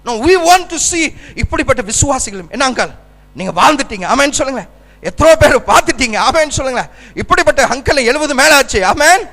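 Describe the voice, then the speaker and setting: A male pastor delivers a fervent sermon, pushing his congregation to answer with amens. His voice sits very high and rings bright and forceful. The church's long reverb trails after every phrase. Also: animated, brisk, creaky. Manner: fervent preaching, keeps calling for amens.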